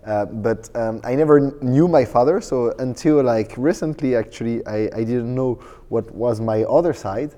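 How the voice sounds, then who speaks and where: A Frenchman in his thirties, a startup co-founder with a French accent, is a guest in a casual interview at a tech conference. His mid-range voice is warm and he talks at a moderate pace with hardly any pauses, but he sounds hesitant, with many fillers and restarts. The sound is that of a big room.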